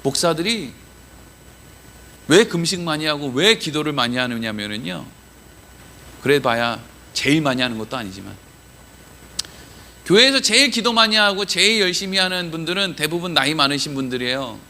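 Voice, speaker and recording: A man's voice: a little high, very animated, moderate pace, pauses often, bright, forceful tone, a little hiss or hum. A man preaching a Wednesday evening sermon in a church, chatty and joking, quizzing the listeners. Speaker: pastor.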